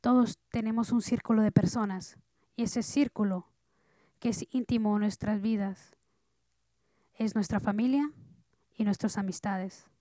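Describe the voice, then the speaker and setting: A woman pastor preaching a sermon earnestly, dropping soft and then rising loud. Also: medium pitch, steady tone, measured pace, pauses often, no echo.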